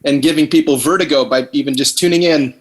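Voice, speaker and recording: A man raised in the Philippines joins a podcast as a guest over a video call, heard through a computer mic in casual conversation. His voice is a little high and steady, and he talks fast, thoughtfully and at length, often restarting sentences.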